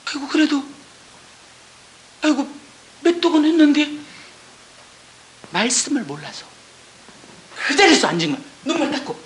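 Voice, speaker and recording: An older woman gives an emotional church testimony, sighing, exclaiming, and sometimes dropping to a whisper. Her voice is high and her pace normal, with frequent pauses and a roomy sound.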